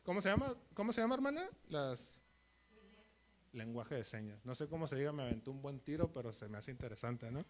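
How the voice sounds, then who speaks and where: A man preaching a sermon in a church, animated and rambling, with many restarts and quick laughs. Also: mid-range voice. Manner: laughs between phrases.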